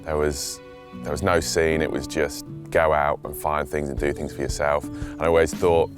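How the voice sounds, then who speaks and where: A man's voice: rumbling low, flat delivery, moderate pace, music in the background. A young man who grew up in Switzerland, talking casually and enthusiastically as an angler, rambling with restarts. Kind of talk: casual outdoor chat and voice-over.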